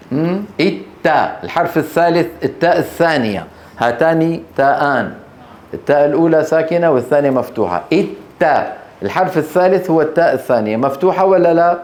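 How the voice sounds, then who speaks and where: A man's voice: on the high side, a little mellow. Man teaching in an echoey classroom. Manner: keeps prompting the class with short questions, stretches out recited words. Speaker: Quran recitation teacher. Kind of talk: classroom lesson with questions to students. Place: classroom, Grozny. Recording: echoey room, faint background hiss.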